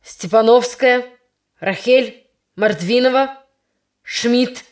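A woman's voice: medium pitch, expressive, a little slow, close to an everyday voice. A woman voicing a middle-aged male teacher, strict and scolding in formal speech, kind underneath but worn out by his class. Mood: exasperated.

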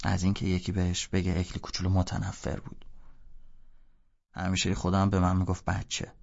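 A man with a gravelly, fairly low voice narrates a novel in the first person. He keeps the telling casual and slangy, like a bored youth talking. The recording is dull and lo-fi. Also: completely flat delivery, darkish tone. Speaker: audiobook narrator.

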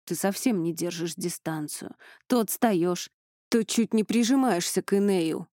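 A woman's voice: on the low side, measured pace, warm tone, no room sound, clean studio sound, close to an everyday voice. A woman reading an audiobook, voicing a strict young male drill instructor who barks commands. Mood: commanding. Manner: barking commands.

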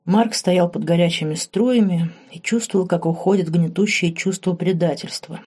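A woman narrating an audiobook in a measured, expressive reading. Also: fairly low pitch, breathy edge. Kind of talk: scripted narration.

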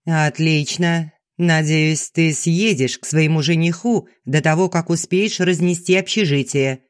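A man's voice: a little high, no room sound, studio quality, pitched above the performer's own voice, close to an everyday voice. A man doing a grumbling older dorm warden woman. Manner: grumbling, slow.

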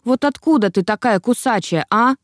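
A woman voicing a stubborn, feverish young male student who grumbles gruffly and speaks hoarsely, in an audiobook. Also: a little high, expressive, normal speed, dry recording, clean studio sound, natural voice. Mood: hoarse reproachful. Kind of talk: audiobook character reading.

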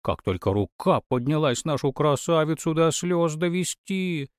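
A man voicing a plump, fussy old nanny who dotes and laments loudly. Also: a little high, lively intonation, measured pace, clean tone, no room sound, clean studio sound, voice pushed up. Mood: wailing. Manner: wailing, doting, scolding.

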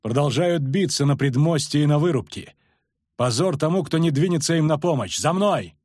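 A man's voice: a little high, lively intonation, moderate pace, a little mellow, dry recording, clean studio sound, pitched above the performer's own voice. A man voicing a young male knight who barks orders and roars curses at fleeing soldiers, in an audiobook. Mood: roaring. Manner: barking orders, roaring curses.

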